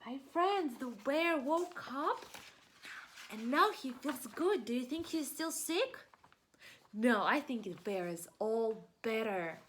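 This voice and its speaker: A preschool teacher reads a children's storybook aloud expressively, using simple child-directed speech and asking questions she then answers herself. Her voice is high, she goes slowly, and there's a little hiss or hum.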